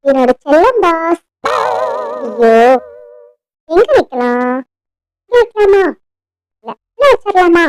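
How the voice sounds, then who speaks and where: A woman voicing an excitable young female bird in a cartoon, fussy and wailing over her pet plant. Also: very high-pitched, slow, pauses often, heavily acted, rough recording. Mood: fussing. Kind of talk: cartoon voice acting.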